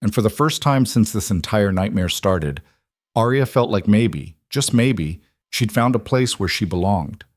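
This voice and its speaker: A man reads a scripted fantasy story aloud with a low voice. The sound is close and dry, with an even, steady delivery. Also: no room sound. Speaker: narrator.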